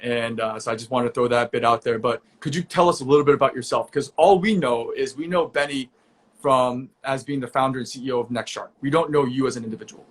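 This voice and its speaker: A man's voice: medium pitch, fast talker. A young man hosting an online interview event, talking casually and upbeat with many fillers, over a video call. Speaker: host.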